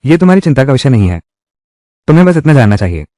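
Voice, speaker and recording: A man's voice: mid-range voice, big pitch swings, fast talker, mellow, no echo, clean studio sound, close to an everyday voice. A man dubbing a cocky poor village youth. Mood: cold. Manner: scornful, challenging taunts. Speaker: voice actor. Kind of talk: Hindi drama dubbing.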